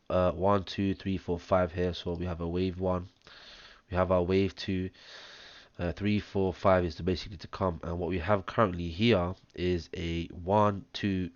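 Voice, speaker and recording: A man with a deep, hoarse voice and a chesty cough talks methodically through a trading chart, counting waves one by one. His delivery stays flat and even. The sound is dry and dull, close to the mic with audible breathing. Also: no echo. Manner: talks step by step through wave counts, many ums. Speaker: trading analyst. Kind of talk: screen-share chart analysis.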